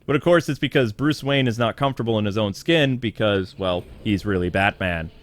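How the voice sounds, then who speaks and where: A man's voice: on the low side, brisk. A man giving a casual, opinionated spoiler review of a cartoon episode, chatty, full of fillers, laughing now and then. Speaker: TV show reviewer.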